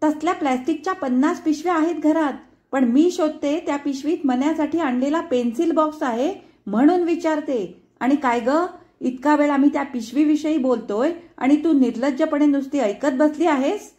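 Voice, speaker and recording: A woman's voice: high-pitched, a little slow, few pauses, darkish tone, voice pushed up. A woman voicing a harried, angry middle-aged mother who scolds sharply and sarcastically in a told story. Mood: furious scolding.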